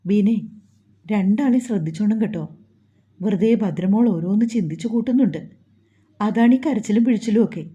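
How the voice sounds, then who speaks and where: A woman's voice: mid-range voice, moderate pace, long pauses, mellow, muffled recording, close to an everyday voice. A woman voicing a middle-aged mother who explains things patiently and kindly. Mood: concerned.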